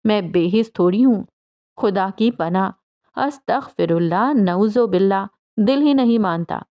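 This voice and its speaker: A woman voicing a playful young man who jokes gently with his tearful fiancée in an audiobook. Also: mid-range voice, animated, lo-fi sound, natural voice. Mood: teasing. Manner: gentle joking banter.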